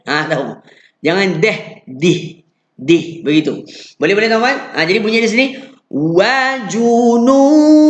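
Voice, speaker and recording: A man with a Malaysian Malay accent teaching Quran pronunciation, patiently drilling syllables and chanting verses slowly. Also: high voice, fairly bright tone, roomy sound, lo-fi sound. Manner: chants the verse in slow drawn-out recitation.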